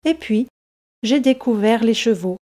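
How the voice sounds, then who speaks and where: A kindly old Englishman, retired and living by the sea, tells his story easily and slowly, as a woman reads him in a learners' storybook. The voice is mellow and a touch high. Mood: friendly.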